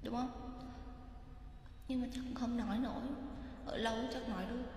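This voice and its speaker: A woman's voice: fairly high pitch, steady tone, moderate pace, darkish tone, slight background noise. A woman in casual, teasing chat, joking around with friends. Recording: echoey room with faint music.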